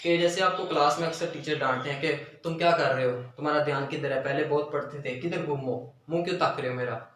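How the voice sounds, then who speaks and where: Man, teacher, slightly high voice, booming echo, far from the mic. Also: fairly even intonation, fairly bright tone. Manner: repetitive, drills phrases slowly. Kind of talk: classroom lesson with memory tricks. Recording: very echoey room, voice from a distance, faint noise.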